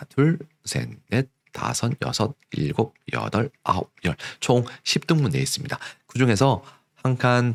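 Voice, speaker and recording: Male math teacher, lively, low-pitched voice, patient and slow with kids. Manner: patient, slow counting and repeating for children. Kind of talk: online elementary math lesson.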